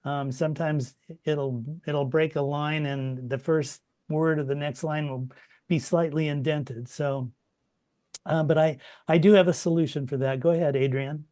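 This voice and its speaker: A man's voice: fairly high pitch, measured pace. Chatty man teaching an online workshop. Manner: relaxed, chatty, many fillers and restarts. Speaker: workshop instructor. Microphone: video call.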